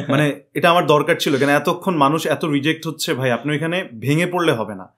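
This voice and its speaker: A young man, a podcast guest telling how his visa interview went in a rambling, animated way, often correcting himself. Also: on the high side, brisk. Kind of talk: casual interview storytelling.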